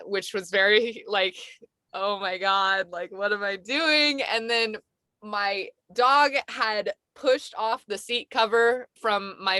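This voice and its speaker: Bright, dry-voiced woman host telling a story. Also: mid-range voice, no room sound. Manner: animated storyteller, acts out her own reactions. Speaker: podcast host. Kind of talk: casual conversation. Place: camper van.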